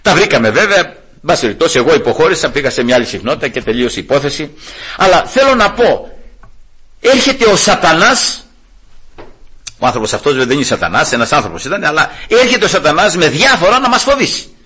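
A man in his sixties giving a sermon, preaching with swings between hushed low passages and raised, emphatic highs. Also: very animated, husky. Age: 60s.

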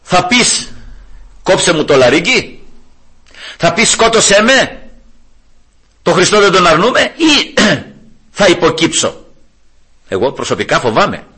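A man in his sixties giving a sermon, preaching with swings between hushed low passages and raised, emphatic highs. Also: sing-song, pauses often, slightly rough. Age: 60s.

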